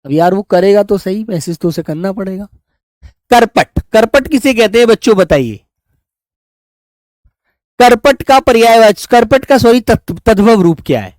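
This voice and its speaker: A man's voice: high-pitched, animated, moderate pace, pauses often, a little mellow, no room sound, studio quality. A man teaching a live online quiz class, coaxing his students and calling them "beta" as he goes through the answers.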